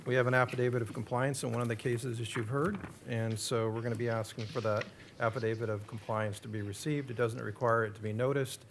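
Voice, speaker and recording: A man's voice: medium pitch, fairly even intonation, fairly quick, slight background noise. An American man speaking as a city attorney, explaining procedure and questioning in plain, fairly informal words. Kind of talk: legal explanation and witness questioning. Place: public hearing room.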